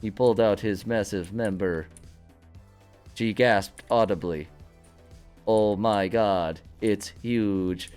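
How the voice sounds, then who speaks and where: A stiff male robot narrator, put on by a man reads in a slow, mechanical voice. The tone sits fairly low and sounds strangely unlike a natural speaker. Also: steady tone, a little mellow, clean tone, soft background music. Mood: deadpan. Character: male robot narrator reading books aloud.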